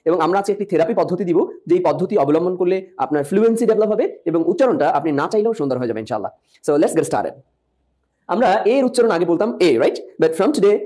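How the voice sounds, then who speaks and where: Male English tutor, Bengali accent, mellow voice, repeats letters slowly. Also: sits high. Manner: drills letter sounds slowly, repeating each. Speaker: English teacher. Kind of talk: spoken English lesson.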